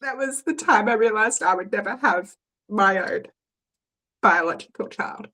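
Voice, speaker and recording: A woman's voice: mid-range voice, measured pace, bright, forceful tone, low-quality recording. An Australian woman in her forties candidly telling a personal story in a chatty, frank way. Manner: frank, chatty, restarts and fillers, acts out quoted voices.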